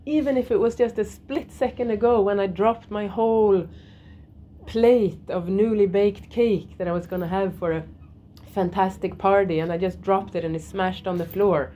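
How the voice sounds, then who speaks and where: A middle-aged woman teaching a yoga lesson in a gentle way, repeating key phrases and laughing softly now and then. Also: mid-range voice, steady tone, moderate pace, highs cut off, slight background noise. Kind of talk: spiritual lesson to a class.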